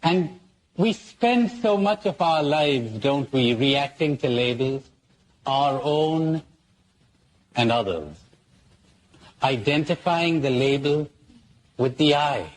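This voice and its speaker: A man's voice: a little high, expressive, slow, long pauses, low-quality recording. A man, a priest, giving a spiritual conference talk, posing questions and repeating key words for emphasis, with jokes woven in.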